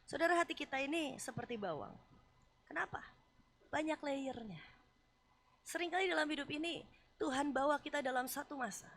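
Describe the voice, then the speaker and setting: Woman pastor, Indonesian accent, high bright voice, chatty animated sermon. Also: moderate pace, long pauses. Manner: animated, acts out voices of Job and God; conversational, casual asides.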